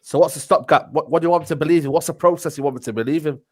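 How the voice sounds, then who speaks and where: A man's voice: a little high, very fast. A man giving a casual football fan rant, repeatedly tagging his points with filler phrases. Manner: repeats tag phrases like a refrain. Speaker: football show panelist.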